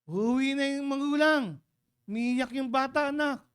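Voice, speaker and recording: A man with a Filipino accent preaching a sermon in a church, mixing in English, calling out to the congregation and swinging between loud exclamations and hushed asides. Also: very high-pitched, steady tone, moderate pace. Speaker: pastor.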